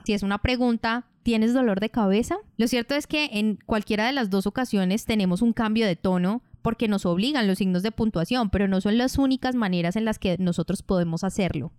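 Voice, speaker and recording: A woman teaching public speaking on her podcast in a calm, measured, explanatory way. Her voice is smooth and resonant, with a medium pitch. The close mic sounds dry and intimate. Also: no echo. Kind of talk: instructional podcast narration.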